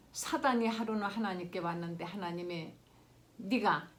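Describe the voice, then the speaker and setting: An older woman pastor preaches a sermon in an earnest storytelling style, her voice a little high. She swings between loud exclamations and hushed whispers.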